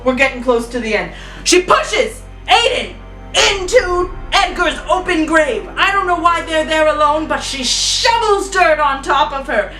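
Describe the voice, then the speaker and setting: A woman improvises a spooky tale in a playful, chatty way, laughing at herself as she goes. Her high-set voice is animated, bright and forceful, and she speaks a little slowly. The recording is roomy and off-mic, with music behind her.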